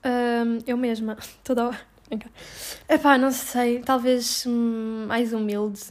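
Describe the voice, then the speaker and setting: A woman's voice: on the high side, steady tone, takes it slowly. A woman answering interview questions in a casual, blunt way, full of filler words.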